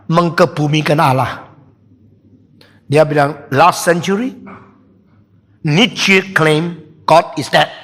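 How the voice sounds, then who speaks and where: An older man preaching a sermon, telling a story with animated laughs and shouts. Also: on the high side. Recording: long hall reverb.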